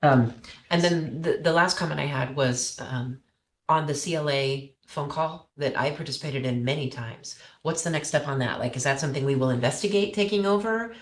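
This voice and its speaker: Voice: mid-range voice, normal speed, reverberant. A middle-aged council member speaking casually in a meeting, rambling with many fillers. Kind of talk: meeting discussion.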